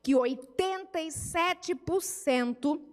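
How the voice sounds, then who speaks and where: A middle-aged woman with a Brazilian Portuguese accent speaks as a family therapist at a church seminar. Her voice sits high, and it rings with the long reverb of a church hall. She teaches in a chatty way and slips into little scenes of home life. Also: slow. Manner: conversational teaching, acts out family dialogues.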